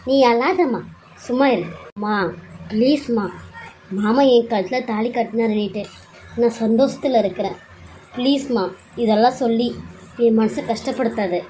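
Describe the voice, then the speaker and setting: A woman voicing a pampered, sharp-tongued young bride in a cartoon serial, coaxing and pleading. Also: fairly high pitch, normal speed, pauses often, slight background noise, close to an everyday voice, poor audio.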